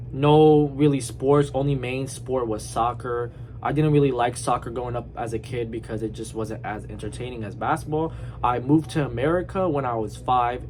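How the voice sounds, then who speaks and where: A man's voice: mid-range voice, a little mellow, a little hiss or hum, poor audio. Young man giving a casual class presentation. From Iraq. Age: young adult. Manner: informal, rambling with fillers and restarts. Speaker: student presenting a project.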